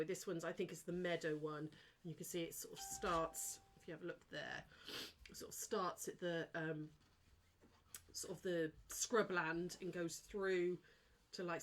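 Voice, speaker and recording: Chatty and apologetic, a woman with a stuffed-up, snuffly nose teaches sewing in a casual live tutorial, talking with viewers as she shows each step. She has a lowish, fairly bright voice.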